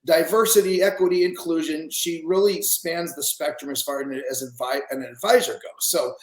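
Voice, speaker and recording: A man's voice: on the high side, steady tone, normal speed, reverberant, rough recording. A man hosting a podcast interview, enthusiastic and conversational. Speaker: podcast host.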